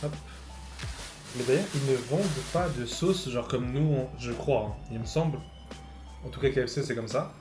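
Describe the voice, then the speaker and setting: A young man, animated, tasting fast food in a casual vlog and swearing loudly at bad food. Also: medium pitch, over music, low-quality recording. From Switzerland. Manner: animated, loud bursts of disgust, swearing. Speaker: food vlogger.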